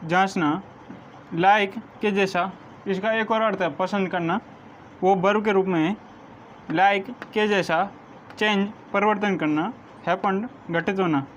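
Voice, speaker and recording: A male teacher slowly dictating vocabulary meanings to his class, spelling some words out letter by letter. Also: sits high, steady tone, fairly bright tone. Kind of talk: vocabulary lesson, reading word meanings. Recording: dull lo-fi sound with faint noise.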